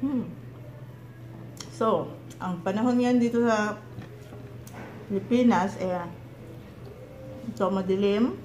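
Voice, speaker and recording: A Filipino woman vlogging at home, chatting in an unhurried way while chewing her food. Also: mid-range voice, darkish tone, slight background noise. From Philippines. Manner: unhurried, chatty, with long eating pauses. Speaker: mukbang vlogger. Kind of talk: casual mukbang chat. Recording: echoey room with clattering dishes.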